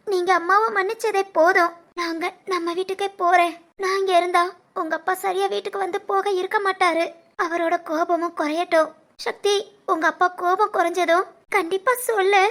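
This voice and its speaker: A woman voicing a remorseful middle-aged mother who speaks softly through tears. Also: very high-pitched, steady tone, moderate pace, voice pushed up. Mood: remorseful, tearful. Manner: soft, sobbing, pleading.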